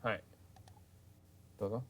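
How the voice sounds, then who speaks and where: A man narrating a scripted language lesson, sounding out words slowly and carefully. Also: a bit bright. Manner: slow, careful pronunciation drills. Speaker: language teacher.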